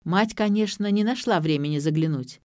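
Cold, lecturing middle-aged teacher read by a woman, low and mellow. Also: moderate pace, no echo, clean studio sound, close to an everyday voice. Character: stern heavy middle-aged female teacher.

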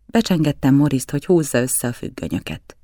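A man reading a novel aloud in measured, even storytelling narration. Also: medium pitch, dry recording, studio quality. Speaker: audiobook reader.

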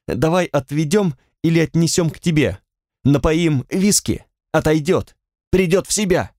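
A tearful, scared fat young man, voiced by a male audiobook reader, whines and pleads in a hurried rush. His voice is raised noticeably above the reader's own. The sound is close and dry. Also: on the high side, dry recording, pitched above the performer's own voice. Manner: whining, pleading. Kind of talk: audiobook character voice.

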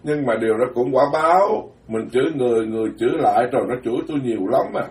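A man, a Buddhist monk giving a dharma talk in a blunt, plain-spoken way, alternating quick asides with slow, weighty phrases. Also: mid-range voice, darkish tone. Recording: roomy, distant mic.

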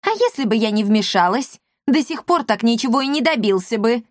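A woman's voice: expressive, a little fast, no echo, clean studio sound, natural voice. A woman voicing a spiteful, boastful young witch who mocks and shrieks at her foes, in a storybook reading. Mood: scornful. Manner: mocking, shrill cries.

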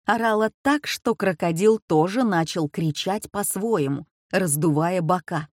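A woman narrating a storybook in an expressive reading voice. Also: on the low side, unhurried, no room sound, clean studio sound.

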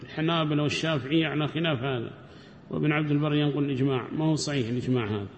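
A man's voice: rapid-fire, lo-fi sound, slight background noise. A man, an Islamic scholar, explaining a classical text in a classroom lesson, lifting his voice when he reads quotations aloud. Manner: explains calmly, rises in pitch when reading quoted text aloud. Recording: long reverb of a large hall.

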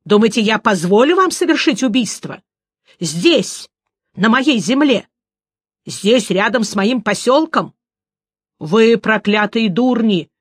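A woman voicing a brash, indignant male devil with a shrill, blustering bleat in an audiobook reading. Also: husky, no echo, clean studio sound.

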